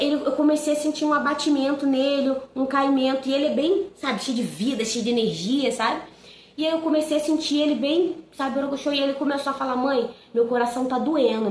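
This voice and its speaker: A young woman telling a personal faith testimony in an earnest, emotional way, often asking "sabe?". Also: sits high. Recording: echoey room with faint noise.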